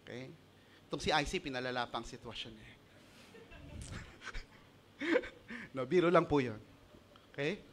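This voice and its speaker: A man with a Filipino accent preaching a sermon as pastor, animated and switching between Tagalog and English, acting out the voices he quotes. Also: medium pitch, measured pace, long pauses, slight background noise.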